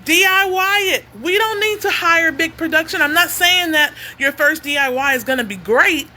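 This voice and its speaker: A woman singer-songwriter chatting casually with her livestream viewers, animated and quirky, laughing often. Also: very high-pitched, normal speed. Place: home near a noisy freeway.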